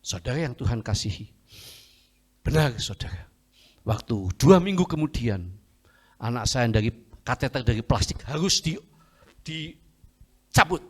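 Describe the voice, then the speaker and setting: A middle-aged man preaching a testimony sermon. His pitch sits in the ordinary range, and his storytelling is animated. He keeps turning to speak straight to the congregation. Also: normal speed, pauses often, husky. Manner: animated storytelling, acts out doctors and family in raised voice; addresses the congregation often.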